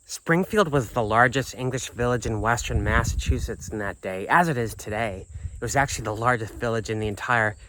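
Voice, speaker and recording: A man's voice: medium pitch, fairly quick, fairly bright tone, slight background noise, rough recording. A man vlogging outdoors at historic sites, explaining history in an earnest, informal way. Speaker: travel vlogger.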